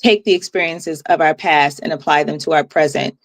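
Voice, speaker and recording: A woman health coach as a podcast guest, explaining in a calm, measured way with pauses. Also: low voice, vocal fry. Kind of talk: podcast interview.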